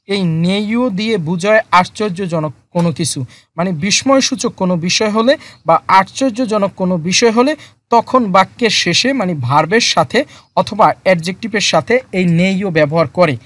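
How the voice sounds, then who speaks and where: A teacher explaining a textbook lesson in a slow word-by-word way, repeating each term with frequent fillers. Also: mid-range voice, a bit bright. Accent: Bangladeshi Bengali. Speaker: Korean language teacher. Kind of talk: lesson explaining vocabulary and grammar.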